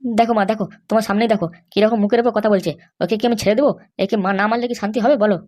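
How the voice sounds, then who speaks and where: A woman's voice: mid-range voice, fairly even intonation, rapid-fire, natural voice. [name], a woman doing a hot-tempered husband. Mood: resentful. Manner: angry, threatening, shouting insults. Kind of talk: cartoon voice acting.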